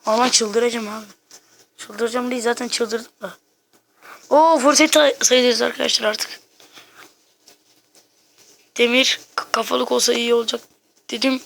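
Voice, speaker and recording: A woman giving casual, excitable gameplay commentary, talking to herself and her viewers in slangy bursts. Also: a little high, moderate pace, creaky, long pauses. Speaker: gaming video maker.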